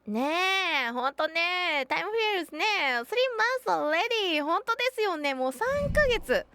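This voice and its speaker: Kansai-accented woman streamer with a high, bouncy voice that swings widely, chatty and exclamatory. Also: lively intonation, moderate pace, no echo. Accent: Kansai Japanese. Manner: chatty, exclaims often, thanks viewers warmly. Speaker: game streamer. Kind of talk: casual live-stream chat while playing.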